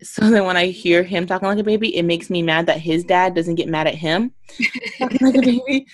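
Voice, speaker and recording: A young woman co-hosting a podcast in casual chat, animated and quick to mimic voices. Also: dry recording. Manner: animated, mimics voices with big pitch jumps. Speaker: podcast co-host.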